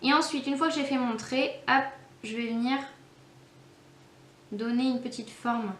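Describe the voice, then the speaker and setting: A woman's voice: fairly high pitch, fairly even intonation, unhurried, a bit bright. A woman giving a casual makeup tutorial, chatty and hesitant, with many fillers. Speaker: beauty vlogger. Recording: echoey room, faint background music.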